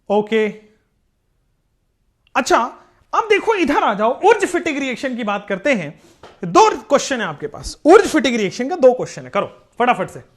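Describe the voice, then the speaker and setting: A male chemistry teacher runs a live online lecture. His pitch swings widely as he jokes with his students. He speaks to them warmly and calls them "beta". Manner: animated, joking, talks to students as "beta".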